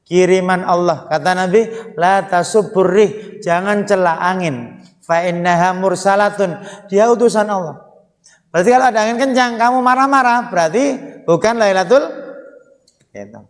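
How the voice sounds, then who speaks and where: A man delivers a humorous sermon in a fairly high voice, animated and full of jokes. His words ring out with a long reverb, as if spoken in a large hall. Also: moderate pace. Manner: animated, joking, lively swings of tone. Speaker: preacher.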